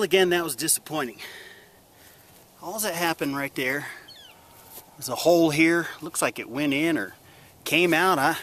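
A man's voice: fairly high pitch, fairly bright tone. A man in his forties hosting a casual vlog, chatting in an easygoing, plain-spoken way to a camera at close range. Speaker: channel host. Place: outdoors in a yard, later an indoor workshop.

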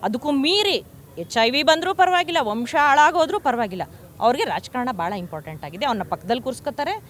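A woman's voice: high voice, big pitch swings, brisk, fairly bright tone. A woman from Karnataka, speaking at a press conference and making fierce, repetitive accusations. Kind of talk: angry press statement.

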